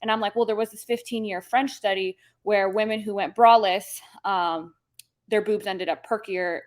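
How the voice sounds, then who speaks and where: A woman hosts her own show and talks through ideas in a relaxed, conversational way. Her pitch sits in an ordinary middle range, and she often restarts and corrects her phrasing mid-sentence. She puts extra stress on key phrases to drive her points home. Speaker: podcast host. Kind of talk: casual explanatory talk.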